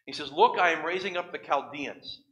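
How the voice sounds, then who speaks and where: A pastor preaching with a voice that sits high for a man. His tone is bright and forceful. He acts out quoted prayers and scripture with sudden rising exclamations. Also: fairly quick, highs cut off. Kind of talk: sermon.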